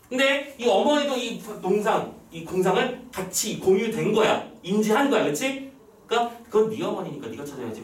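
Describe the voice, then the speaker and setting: A male teacher giving an online lesson, quizzing his students with quick rhetorical questions and acting out lines from the text. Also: high-pitched. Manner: reads the text's lines aloud in acted voices. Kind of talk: online lecture. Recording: roomy echo, a little far from the mic.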